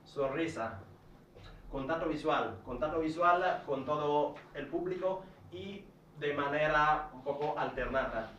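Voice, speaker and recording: A man with an Italian accent gives a methodical talk, listing points and explaining them one by one. His voice sits a little high for a man. The sound is roomy and distant, with a faint hum of the space behind him. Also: a little slow, a bit bright, highs cut off. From Italy. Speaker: speaker at a speaking club. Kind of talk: educational talk to a live audience. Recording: echoey room, recorded from a distance.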